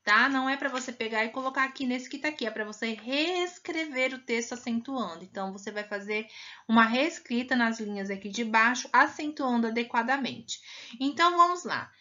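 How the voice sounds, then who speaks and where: A woman from Brazil who teaches primary school, giving a recorded lesson and patiently sounding out words slowly to show them. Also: a little high, animated, sharp tone. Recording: muffled lo-fi sound.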